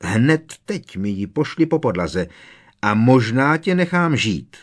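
A man doing Bellatrix, a shrieking dark witch. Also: very animated. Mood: threatening. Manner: taunting, shrill and frantic.

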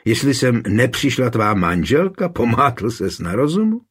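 A man's voice: medium pitch, very animated, husky. A man voicing a coarse, brazen older brothel woman who jeers at a visitor. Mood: mocking. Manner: mocking, jeering.

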